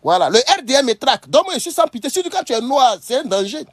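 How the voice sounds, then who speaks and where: A man with a fairly high voice gives loose, animated commentary to his online followers. He circles back over the same phrases and breaks into laughter. The recording is dry and close. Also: fast talker, no echo. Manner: animated, repetitive, laughs often while talking. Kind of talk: casual storytelling and commentary to followers.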